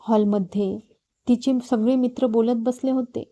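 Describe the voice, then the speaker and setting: A woman storyteller reading a romance novel aloud in an expressive, smooth narrating style. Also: fairly high pitch, moderate pace, dull audio.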